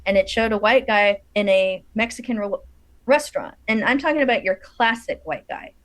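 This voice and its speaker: A woman co-hosting a podcast, chatty and animated as she tells stories, laughing often. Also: mid-range voice, moderate pace, dry recording. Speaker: podcast co-host. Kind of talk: casual conversation.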